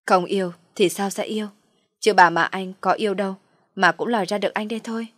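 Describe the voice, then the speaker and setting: A woman's voice: mid-range voice, fairly even intonation, fast, no room sound, studio quality, natural voice. A woman voicing a polite, gullible young man who stammers and speaks earnestly. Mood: hesitant.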